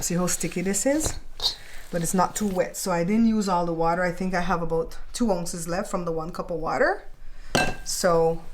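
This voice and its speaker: A woman chatting casually as she hosts a home baking tutorial, explaining step by step and checking in with viewers. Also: fairly low pitch. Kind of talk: casual cooking tutorial chat. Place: indoors at a kitchen counter. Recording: clearly noisy home recording.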